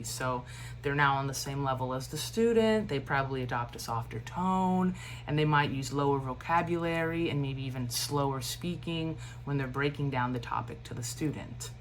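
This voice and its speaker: A woman instructor giving a recorded class lecture in a steady cadence, with animated emphasis and informal asides. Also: low-pitched, a little hiss or hum.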